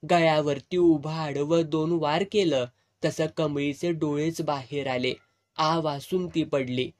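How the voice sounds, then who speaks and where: A man's voice: a little high, fairly even intonation, takes it slowly. A male storyteller narrating a dramatic village tale in vivid, earthy rural language.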